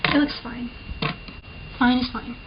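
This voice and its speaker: A young vlogger works through her makeup routine at home, talking in a loose, chatty way with fillers and self-deprecating humor. She speaks slowly in a level tone, her slightly high voice marked by a small lisp. The built-in camera mic gives a dull, muffled sound over obvious hiss.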